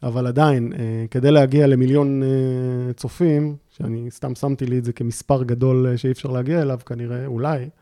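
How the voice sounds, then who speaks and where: A man speaking as a podcast guest, explaining a volunteer memorial project in a halting, searching way with frequent pauses. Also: mid-range voice, fairly even intonation, warm tone, dry recording, studio quality. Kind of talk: casual conversation.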